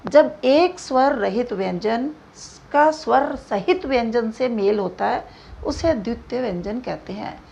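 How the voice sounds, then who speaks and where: A woman teaching a grammar lesson, speaking slowly and deliberately and spelling out each example. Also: on the high side, expressive, gravelly, darkish tone, a little hiss or hum. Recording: dull lo-fi recording.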